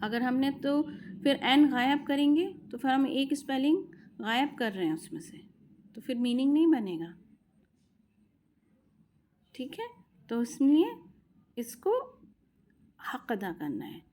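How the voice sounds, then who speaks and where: A woman teaching an online Quran class, patiently repeating sounds slowly so students can practice. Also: sits high, sing-song, a little mellow, a little hiss or hum.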